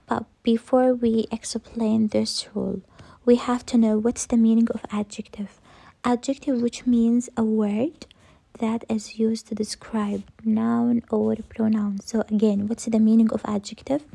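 A woman's voice: fairly high pitch, little pitch movement, a little slow, creaky, dark tone, breathy edge. A woman teaching English grammar in a recorded lesson, repeating each rule and answering her own questions.

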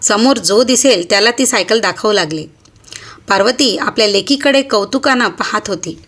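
A woman hosting her own channel, narrating a short story in a measured, expressive reading voice. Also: medium pitch.

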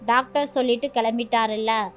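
Woman doing a blunt businesslike nurse, storybook figure, fairly high voice, dull recording, faint music. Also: fairly even intonation, normal speed, close to an everyday voice. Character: brisk matter-of-fact hospital nurse, woman.

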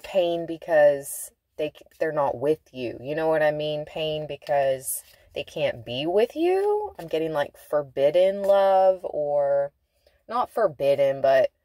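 Slow, low-voiced woman reading tarot. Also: warm tone, dry recording. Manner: chatty, laughing, drawn-out emphatic words. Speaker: tarot reader. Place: inside a car.

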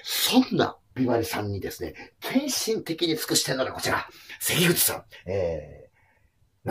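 A man in his forties with a Kansai accent, a comedian telling a film's story with lively acted-out quotes. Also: mid-range voice, slightly rough. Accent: Kansai Japanese. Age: 40s. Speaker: comedian reviewing a documentary film. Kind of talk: animated comic film talk.

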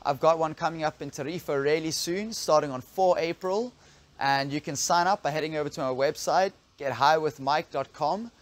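Upbeat kite coach guy talking to camera outside by a pool, bit high voice, lapel mic. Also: normal speed. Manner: upbeat, enthusiastic, laughing. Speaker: kitesurf coach. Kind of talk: promotional vlog talk to camera. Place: outdoors by a garden pool.

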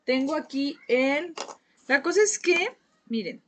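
A woman's voice: sits high, animated, slow pace. A woman with a Mexican accent teaching a live painting class, chatting and gossiping with her viewers as she works. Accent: Mexican Spanish. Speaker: craft teacher.

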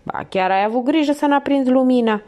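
A woman reading the lines of a calm, detached middle-aged male police inspector in a quiet, measured voice. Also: high-pitched, muffled recording, pitched above the performer's own voice, natural voice. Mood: stern.

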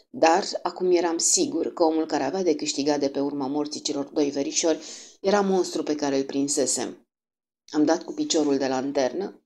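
Low husky woman narrating an audiobook. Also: mellow.

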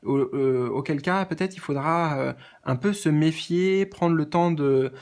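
A man giving a spiritual card reading to his viewers, speaking gently and hesitantly with many fillers and repeated words. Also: a little high, measured pace. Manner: gentle, addresses viewers as friends. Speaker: tarot card reader.

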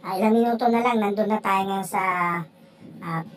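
A woman's voice: medium pitch, fairly even intonation, normal speed, poor audio. A woman vlogger from the Philippines, chatting casually to her viewers with lots of fillers. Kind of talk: casual moto vlog narration. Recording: voice over loud background music.

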